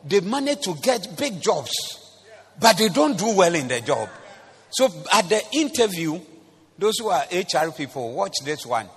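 A man preaching a sermon in church, animated and teasing, talking straight to the congregation. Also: high voice, unhurried, slightly rough. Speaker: pastor. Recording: long reverb of a church hall.

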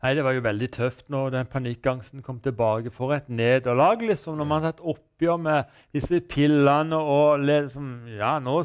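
A middle-aged man giving an earnest personal testimony in an interview, halting with many restarts. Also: mid-range voice, level tone, smooth. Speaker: guest telling his testimony.

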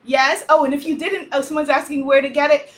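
A loud, exuberant woman hosting a live stream as an author, reading out viewer comments and cheering often. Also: high-pitched, steady tone, fairly quick. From Guyanese-Caribbean family. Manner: frequent laughter, cheering chants.

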